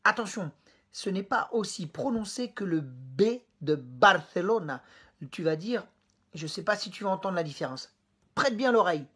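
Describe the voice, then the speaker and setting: Woman, teacher, pronunciation lesson, patient, repeats sounds, low-ish husky voice. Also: a bit bright. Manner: patient and explanatory, speaking directly to the student; repeats sounds slowly for the student. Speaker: Spanish teacher.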